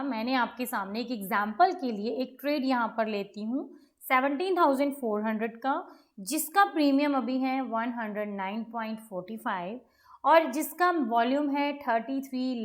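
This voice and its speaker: A woman teaches beginners over a screen share, her voice a touch higher than most. She explains patiently, repeats each step and keeps checking that everyone has followed. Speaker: trading educator.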